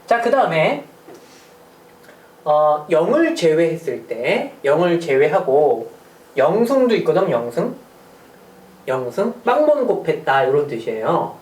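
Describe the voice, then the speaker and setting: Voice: mid-range voice, very animated, unhurried, darkish tone. A middle school math teacher giving a recorded lecture, chatty, asking rhetorical questions and cracking small jokes. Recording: roomy sound from a distant mic.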